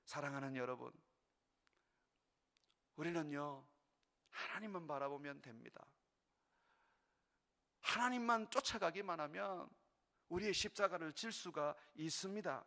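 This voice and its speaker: A middle-aged male pastor preaching a sermon in earnest, rising to urgent peaks and dropping to quiet, intimate passages. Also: fairly high pitch, a little slow, long pauses. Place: church sanctuary. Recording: long reverb of a large church hall.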